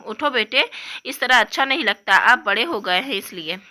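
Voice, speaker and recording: A woman's voice: fairly high pitch, animated, normal speed, pushed and bright. A woman voicing a kindly middle-aged man, a family friend who soothes and coaxes. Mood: gentle. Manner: soothing, coaxing.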